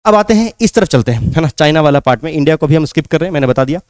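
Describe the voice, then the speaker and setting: A man's voice: a little high, expressive, rapid-fire, clean tone, dry recording. Dry-voiced man teaching map geography. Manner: repetitive, keeps asking if students follow. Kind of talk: exam-prep map lesson.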